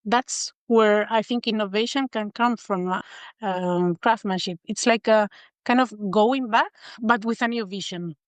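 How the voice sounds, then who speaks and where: A woman from Spain with a Spanish accent, a guest in a podcast interview who speaks thoughtfully and fills her pauses with "uh". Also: medium pitch, no room sound. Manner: thoughtful, many filler pauses. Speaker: guest designer.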